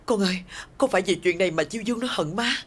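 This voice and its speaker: A woman's voice: medium pitch, fast talker, breathy edge, close to an everyday voice. A middle-aged woman playing a distraught mother in a TV drama, speaking in an anguished, commanding way. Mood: sorrowful. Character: distraught mother threatening her own life. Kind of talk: TV drama acting.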